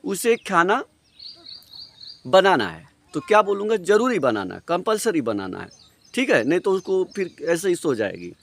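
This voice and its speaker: Lively Hindi-speaking man teaching English grammar. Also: sits high, vocal fry. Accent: Indian. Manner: explains step by step, repeats example sentences slowly. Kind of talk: Hindi-language grammar lesson.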